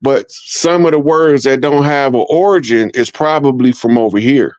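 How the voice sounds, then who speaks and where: A man co-hosting a casual discussion, explaining things slowly with many pauses. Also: medium pitch, darkish tone, dry recording. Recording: dry, slightly dull audio.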